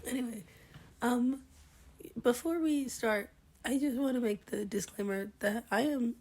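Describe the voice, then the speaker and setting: Podcast co-host, young woman, sick and hoarse, dark husky tone, easygoing chat. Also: on the high side, measured pace. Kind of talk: casual chat.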